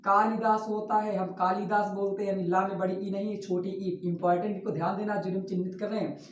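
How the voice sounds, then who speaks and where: A man's voice: high voice, level tone, distant mic. A male teacher runs a spelling lesson for exam students, saying each word several times over so the correct form sticks. He sits some way from the microphone in a roomy space that echoes, and the recording sounds dull and lo-fi. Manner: repeats each word slowly, drilling correct forms.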